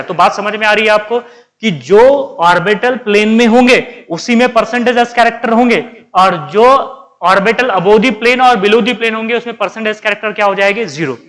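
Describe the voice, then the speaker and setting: Man, chemistry teacher, high bright voice, classroom lecture, quizzes and scolds students. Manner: quizzing students, answering his own questions.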